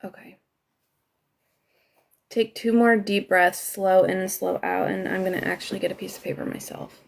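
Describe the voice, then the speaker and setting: Woman coach with a creaky fry voice, slow guided instructions on a live stream, soft breathy asides. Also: medium pitch, steady tone, slight background noise. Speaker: healing coach.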